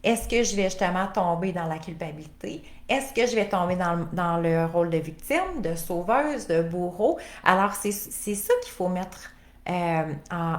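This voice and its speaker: A woman life coach with a Québécois accent, giving a conversational live talk full of fillers and rhetorical questions. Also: mid-range voice. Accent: Québécois French. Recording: roomy echo.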